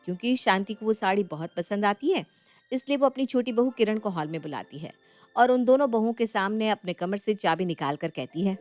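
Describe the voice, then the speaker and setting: A woman narrating a scripted bedtime story in a steady storytelling voice. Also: medium pitch, a little fast, soft background music.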